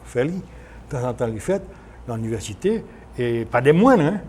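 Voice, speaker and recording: A man with a Haitian accent speaking as a guest in an unscripted radio discussion, explaining things in a halting way with repetitions and self-corrections. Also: medium pitch, sing-song, a little mellow. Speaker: guest, former senator. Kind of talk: unscripted radio interview discussion, switching between French and Creole. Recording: noisy archive broadcast recording.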